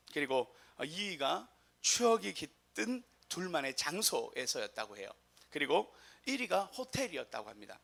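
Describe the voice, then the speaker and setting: Lively, bright-voiced male pastor preaching. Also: on the high side, creaky. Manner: humorous, chatty, laughs with the congregation. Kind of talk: sermon.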